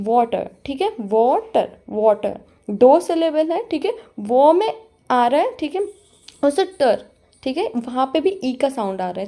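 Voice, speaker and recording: Young woman, tutor, explaining an exam-prep lesson, high voice, English terms mixed in. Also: warm tone. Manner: explains in Hindi with English terms, repeats "ठीक है" as a filler.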